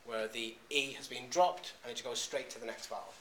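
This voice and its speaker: A male lecturer speaks at a middling pitch, stopping often on "um" and restarting his sentences. The recording is echoey, with a faint hum of room noise behind him. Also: fairly even intonation, a bit bright. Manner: halting, frequent "um"s and restarts. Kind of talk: classroom lecture. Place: classroom.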